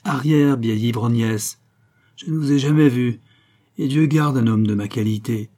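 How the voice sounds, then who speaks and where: A man reading aloud, voicing a cocky young bandit posing as a gentleman. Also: medium pitch, animated, moderate pace, breathy edge. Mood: scornful. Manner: smug, boastful. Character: young male dandy bandit, cocky and scheming.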